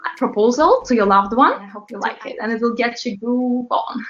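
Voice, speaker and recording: A woman from Latvia, a pop singer guest, chatting in a lively, animated way in an interview. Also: on the high side, fairly quick. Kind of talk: casual interview talk. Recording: roomy, slightly muffled sound with faint music.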